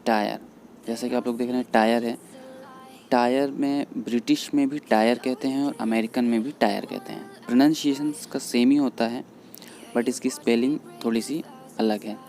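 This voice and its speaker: Gravelly-voiced man teaching words. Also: medium pitch, fairly even intonation, darkish tone. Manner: patient, repeats each word slowly. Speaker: English teacher. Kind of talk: explaining vocabulary in Hindi over slides. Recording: faint background music under voice. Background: faint background music.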